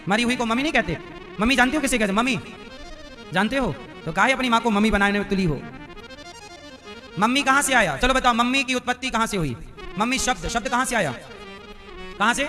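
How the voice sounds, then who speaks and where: A man's voice: extremely high pitch, sharp tone. A man giving a live devotional discourse, teasing and quizzing his audience with questions. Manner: teasing, quizzing listeners directly. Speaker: preacher. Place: live religious gathering.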